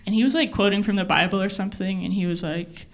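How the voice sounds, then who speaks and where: A woman performing stand-up comedy stories in a deadpan, halting way, with pauses, to a laughing live audience. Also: mid-range voice. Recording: loud noise of audience laughter. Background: crowd laughter.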